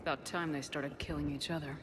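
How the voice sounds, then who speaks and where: A woman's voice: deep voice, fairly even intonation, brisk, noisy background, natural voice. An actress playing a resolute female military commander in a video game, with clipped, commanding delivery. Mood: determined.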